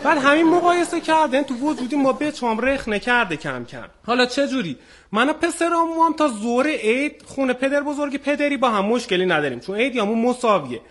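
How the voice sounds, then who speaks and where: Stand-up contestant: man, twenties, Isfahani Persian accent, unusually high voice. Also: very animated, a bit bright. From Isfahan, Iran. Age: 20s. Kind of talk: stand-up storytelling in a radio contest.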